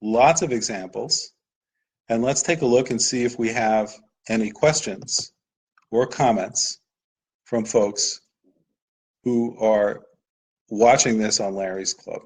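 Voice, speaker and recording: A man's voice: fairly low pitch, slow pace, long pauses, slightly rough, low-quality recording. A man presenting a live webinar lesson over slides, explaining patiently with occasional "uh"s.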